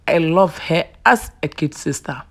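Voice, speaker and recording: A woman's voice: sits low, animated, unhurried. A woman beauty vlogger chatting casually through a makeup tutorial, affectionate and talkative, often saying "yes" between thoughts.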